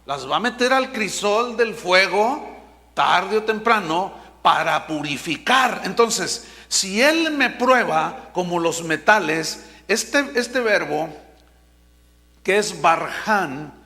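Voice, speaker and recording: A male pastor preaching a sermon with emphatic delivery, slowing down to stress key words. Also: high-pitched, bright, forceful tone, long reverb tail.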